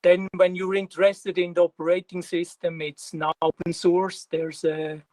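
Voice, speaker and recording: This Swiss man in his fifties has a Swiss German accent and gives a technical presentation at an unhurried pace, full of pauses and fillers. His voice is high-pitched and darkish with a level tone, and the recording has no echo.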